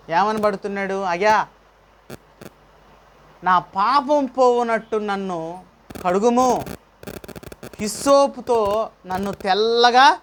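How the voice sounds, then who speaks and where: A man's voice: very high-pitched, fairly bright tone. A male pastor preaching a sermon, asking the congregation questions and calling out praise. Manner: preaching with rhetorical questions and call-outs.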